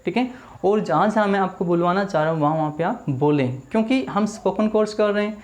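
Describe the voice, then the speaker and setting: A man teaching a video English class in Hindi, saying each word slowly and asking listeners to repeat it back. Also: sits high. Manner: drills words slowly, repeats them, asks the class to repeat. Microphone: small camera in front of him.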